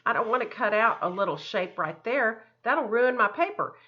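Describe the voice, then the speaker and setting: With a fairly high, expressive voice at a moderate pace, a woman art teacher guides children through a craft project one step at a time. She keeps her words simple and encouraging and often thinks out loud, captured on a dull lo-fi recording.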